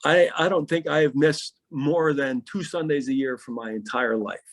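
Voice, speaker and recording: A man's voice: a little high, moderate pace. A middle-aged pastor in a podcast interview, telling stories animatedly and often repeating words as he starts a thought.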